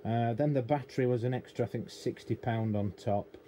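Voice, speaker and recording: Warm and medium-pitched, a middle-aged British man's voice moves a little fast as he gives an unscripted, rambling, matter-of-fact hands-on explanation. He's a radio technician and hobbyist presenter at a cluttered indoor electronics workbench, and room noise is noticeable behind him.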